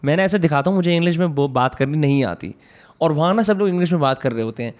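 A man's voice: a little high, lively intonation, fast talker. A man hosting a casual conversation, speaking reflectively and mixing Hindi and English.

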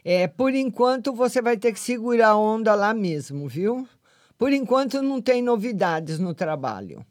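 A woman's voice: fairly high pitch, very animated, moderate pace, a little mellow, no room sound, studio quality. An older woman hosting a live call-in show, chatting affectionately with callers and giving them readings. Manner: affectionate, calls callers "my lovely". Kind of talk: casual live call-in chat.

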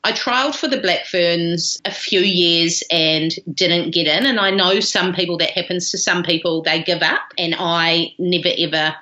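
Bright-voiced woman, broad Kiwi accent. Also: lowish voice, moderate pace, few pauses, dull audio. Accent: broad New Zealand. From New Zealand. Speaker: podcast guest, pilot and former rugby player. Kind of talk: casual interview storytelling.

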